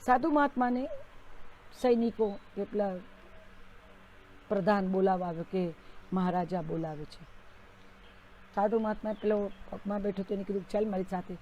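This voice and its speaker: A woman's voice: mid-range voice, normal speed, long pauses, a little mellow, lo-fi sound, slight background noise. Earnest woman giving a devotional talk. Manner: earnest, emphatic storytelling. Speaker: spiritual speaker. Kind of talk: devotional talk on a live stream.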